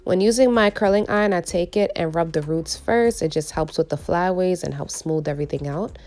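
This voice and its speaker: A woman beauty vlogger with a raspy, gravelly voice from a recovering cold, giving a tutorial voice-over. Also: on the low side, a little fast, a little mellow, faint music behind.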